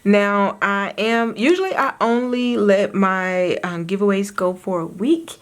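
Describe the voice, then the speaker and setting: A woman with a Southern US country accent talks casually to her viewers as a craft vlogger. She rambles, laughs often and fills her talk with ums and you-knows. Her pitch sits in an ordinary middle range. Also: unhurried. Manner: chatty, giggly, rambling with many fillers. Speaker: craft YouTuber.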